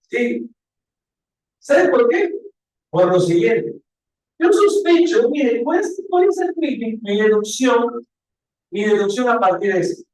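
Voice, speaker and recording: A man voicing a shrewd, talkative male police investigator who keeps urging the other to calm down. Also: very high-pitched. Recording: echoey room.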